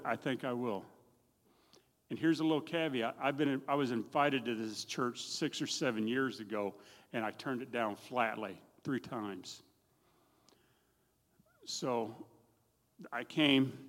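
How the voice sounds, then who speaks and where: A middle-aged man giving a plain-spoken, folksy personal testimony in a church, telling his story with a self-deprecating edge. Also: mid-range voice. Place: church hall. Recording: long reverb of a church hall.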